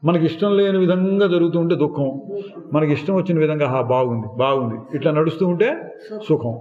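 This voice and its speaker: Guy giving a satsang talk, tinny phone-like sound, bit high voice. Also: mellow. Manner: slow, deliberate teaching with sung verse lines and rhetorical questions. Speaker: spiritual teacher. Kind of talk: satsang discourse. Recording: echoey hall, phone-like lo-fi sound.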